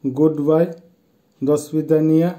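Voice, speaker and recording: A man in his fifties from Bangladesh with a Bangladeshi Bengali accent, teaching vocabulary slowly and methodically, repeating each term. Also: fairly high pitch, flat delivery, warm tone. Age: 50s. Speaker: language teacher. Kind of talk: vocabulary lesson, word by word.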